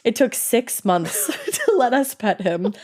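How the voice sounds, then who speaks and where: A woman co-hosting a podcast, reading a listener's story aloud in a casual, animated, profane way and laughing as she goes. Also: on the high side, slow pace.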